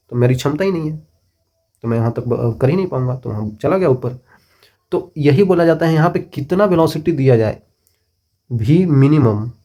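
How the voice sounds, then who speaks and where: A man's voice: medium pitch, dark tone. A middle-aged man teaching a physics lesson, explaining with repeated checks and everyday examples. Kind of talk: classroom lecture.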